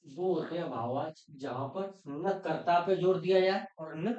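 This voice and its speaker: A man's voice: on the high side, unhurried, a little mellow, highs cut off. A man teaching grammar in a patient, questioning way, often repeating his points. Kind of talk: informal grammar lesson. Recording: echoey room, distant mic.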